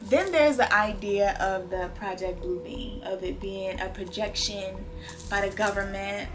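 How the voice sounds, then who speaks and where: A woman talking casually in an animated, slangy, emphatic way, like a host chatting with a friend. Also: mid-range voice, unhurried, low-quality recording. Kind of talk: casual chat. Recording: music playing behind. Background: music.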